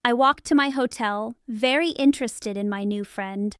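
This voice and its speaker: A woman reads a storybook for English learners in a clear, steady way. Her voice is smooth and a little high. It is recorded close up in a dry, dead room. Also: normal speed, no room sound. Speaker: audiobook narrator. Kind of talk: scripted narration for English learners.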